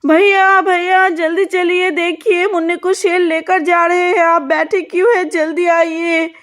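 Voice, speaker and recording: A woman's voice: extremely high pitch, flat delivery, a little slow, a bit bright. A woman voicing an alarmed young aunt who hurries the family to act in a children's cartoon. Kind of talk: cartoon voice acting.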